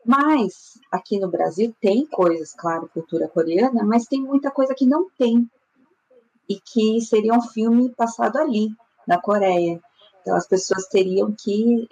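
Hesitant Brazilian woman, husky voice. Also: mid-range voice, darkish tone, poor audio. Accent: Brazilian Portuguese. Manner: hesitant, many fillers and restarts. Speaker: panelist. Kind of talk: casual panel discussion.

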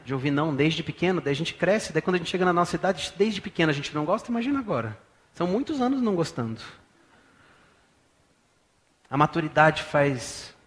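A pastor in his thirties from Brazil preaching a sermon in a church, swinging from hushed talk to loud bursts. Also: on the high side.

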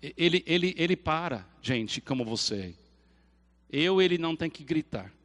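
High, bright-voiced animated preacher. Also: male voice, normal speed, in a large hall. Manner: animated storytelling, acting out scenes. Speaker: pastor. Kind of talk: lively sermon.

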